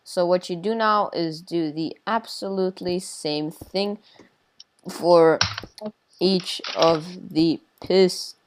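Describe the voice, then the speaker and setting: A woman's voice: lowish voice, fairly even intonation, slow pace, background noise. A woman casually explaining a game build, hesitant with many fillers and playful sound effects. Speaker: tutorial builder. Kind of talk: casual game tutorial chat.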